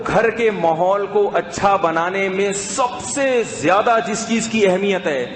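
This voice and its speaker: A man delivering a conversational sermon in a mosque, asking rhetorical questions and swinging between loud stress and hushed asides. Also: sits high. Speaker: preacher. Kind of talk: sermon in Urdu. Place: mosque hall. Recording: echoey mosque hall, faint noise.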